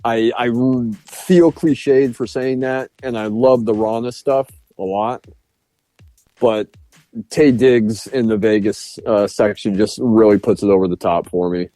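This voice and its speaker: Mellow-voiced man chatting about a film. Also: medium pitch, measured pace, dry recording, soft background music. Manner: animated retelling with frequent laughs and restarts. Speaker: podcast co-host. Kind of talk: casual film review chat.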